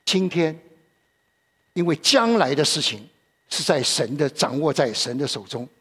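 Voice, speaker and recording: A man's voice: fairly high pitch, lively intonation, a little slow, fairly bright tone, husky. A man preaching a sermon in a conversational way, often repeating himself and putting questions to his listeners.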